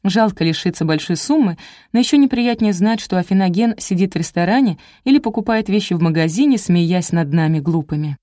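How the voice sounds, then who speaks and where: A woman reading a first-person detective audiobook in a brisk, wry storytelling manner. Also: on the low side, lively intonation, mellow, no room sound, clean studio sound. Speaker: audiobook narrator. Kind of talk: scripted first-person narration.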